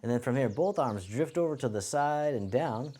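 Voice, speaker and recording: A man teaching tai chi, cueing each movement step by step in a gentle, encouraging, unhurried way. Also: mid-range voice, expressive. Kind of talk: guided movement lesson, calm step-by-step cueing. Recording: music playing behind the voice. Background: music.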